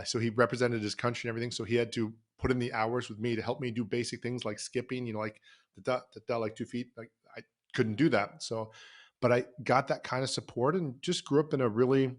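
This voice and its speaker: A middle-aged man from South Florida, an entrepreneur answering interview questions in an upbeat, reflective way. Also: mid-range voice. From South Florida, USA. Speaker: podcast guest, entrepreneur.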